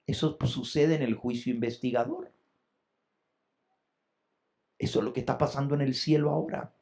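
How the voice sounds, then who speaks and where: A man preaching a sermon as pastor, swelling with emphasis and rising loud on key points. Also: medium pitch, steady tone, moderate pace, vocal fry.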